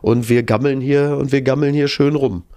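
A man's voice: mid-range voice, steady tone, moderate pace, mellow, dry recording. A man who is sick with a cough, co-hosting a podcast from his living room, chatting casually and rambling with restarts in a self-deprecating way. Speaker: podcast co-host. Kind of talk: casual chat.

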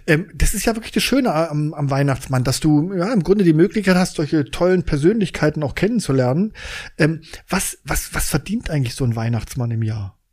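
Guy hosting a casual chat, a bit high, lots of ähm, teasing questions. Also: lively intonation, fairly quick, darkish tone. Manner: cheeky, hesitant questions with fillers. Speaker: host. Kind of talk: casual interview.

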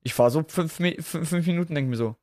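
A young German man co-hosting a podcast in casual chat, excitable and slangy, laughing often and dropping in English words. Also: fairly high pitch, fast talker, no room sound, studio quality. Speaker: podcast co-host.

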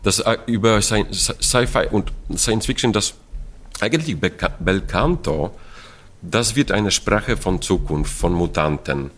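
A middle-aged man from Poland, an opera stage director and native Polish speaker, discusses an opera production in an interview with a Polish accent. His lowish voice is measured and fairly bright, with a little hiss or hum, and he laughs often while searching for words with many fillers and restarts.

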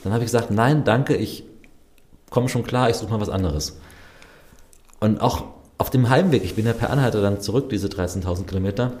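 A man talking in a relaxed, reflective way about his travels, often pausing with hesitations. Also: on the low side. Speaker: guest, traveler. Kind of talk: casual conversation.

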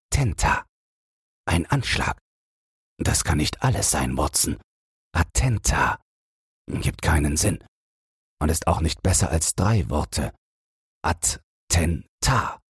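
A man reading the part of Sherlock Holmes, a keen analytical detective, in a measured way for a sleep audiobook. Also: low voice, husky, no room sound, clean studio sound, full character voice. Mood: intent. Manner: measured, reasoning aloud.

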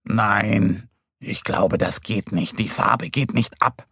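A man's voice: mid-range voice, moderate pace, vocal fry, breathy edge, no echo, studio quality. A man voicing Mo, a little boy bear in a children's story who speaks in a hesitant, mumbling way. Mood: disappointed.

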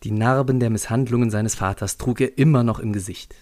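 A man's voice: mid-range voice, fairly even intonation, brisk, a little mellow. A man narrating a scripted story on a school podcast in a dry, lightly ironic way.

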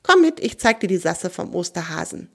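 A woman's voice: on the low side, sing-song, fairly quick, creaky, fairly bright tone, exaggerated voice. A woman voicing a small, cheeky female field mouse with a playful, teasing way of talking. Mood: explaining.

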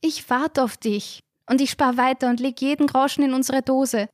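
A woman's voice: high-pitched, steady tone, normal speed, a little mellow, dry recording, studio quality, voice pushed up, natural voice. A woman voicing a tearful, devoted young country woman. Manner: tearful, pleading.

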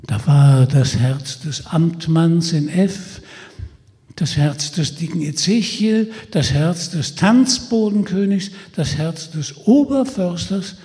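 Slow, quiet male storybook narrator. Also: on the high side, in a large hall. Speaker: audiobook reader.

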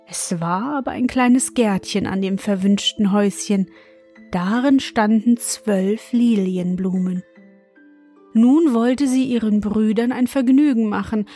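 A woman reading a fairy tale aloud in a gentle, measured storybook manner. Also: mid-range voice.

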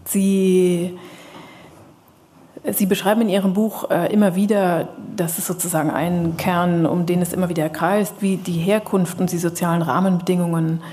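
A woman's voice: fairly low pitch, level tone, normal speed, warm tone. A woman moderating a literary evening, asking an author questions in a hesitant way with fillers and restarts. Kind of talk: interviewing an author on stage.

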